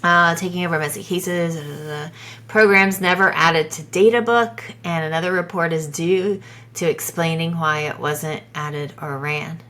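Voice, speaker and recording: A woman with a Southern US accent, co-hosting a podcast in a casual, animated way. Her voice sits a little low but sounds bright and forward. She talks in quick bursts with frequent restarts. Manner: animated, chatty, laughs often, many restarts. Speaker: podcast co-host. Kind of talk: casual chat reading listener stories.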